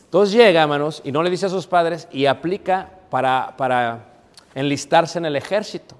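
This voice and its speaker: Preacher, slightly high voice, echoing hall. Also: male voice, moderate pace. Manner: conversational, asks the audience rhetorical questions. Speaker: preacher teaching a Bible class. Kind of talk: sermon. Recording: long reverb of a hall.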